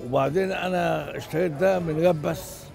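Old egyptian guy, gravelly, kinda quick, stumbles and repeats the host's words, street interview, music under it. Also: on the high side. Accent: Egyptian Arabic. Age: older. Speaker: restaurant owner. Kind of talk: casual interview answers. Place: outdoors on a city street.

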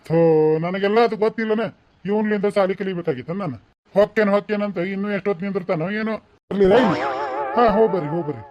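A man's voice: sits high, quick pace, muffled recording, a little hiss or hum, lightly acted. A man with a North Karnataka Kannada accent voicing a tearful, doting old village grandfather in a cartoon, talking in a fond, grumbling, pleading way. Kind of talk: cartoon voice acting.

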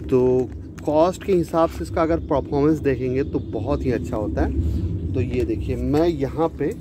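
A man's voice: mid-range voice, normal speed, noisy background. A man talking viewers through a hands-on repair outdoors in a chatty tutorial style, mixing in English words as he works. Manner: chatty, addresses viewers as friends, Hindi mixed with English words. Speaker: DIY repair video host. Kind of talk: casual tutorial narration. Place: outdoors beside a scooter.

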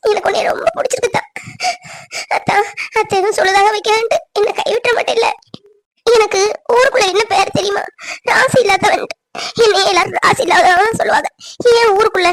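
A lonely young village woman in a cartoon pleads softly for love. Her voice sits very high and light. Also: no echo. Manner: soft, pleading, tearful. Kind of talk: cartoon voice acting.

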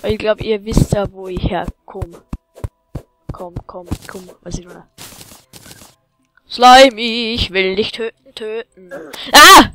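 A woman giving excitable let's-play commentary, yelling at enemies and chatting to viewers, with faint game music behind. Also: medium pitch, slow, long pauses, rough recording.

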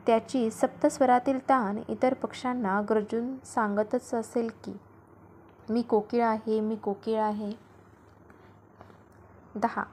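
A woman narrating an audiobook novel in the first person, with steady storytelling delivery. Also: on the high side, a little hiss or hum.

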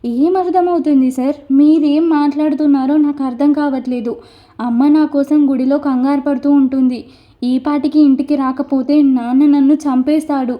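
A panicked young bride pleads through her tears in a storybook tale, firing off frightened questions, as a woman reads her lines. The voice sits high and light. The recording sounds dull and lo-fi. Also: fairly even intonation, normal speed, close to an everyday voice. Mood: tearful pleading. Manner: pleading, crying, breathless questions.

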